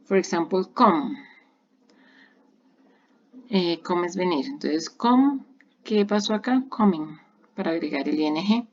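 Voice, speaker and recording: A woman's voice: lowish voice, animated, takes it slowly, pauses often, darkish tone. A woman, an English teacher giving a recorded online grammar lesson, explaining patiently step by step and repeating examples. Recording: dull lo-fi recording.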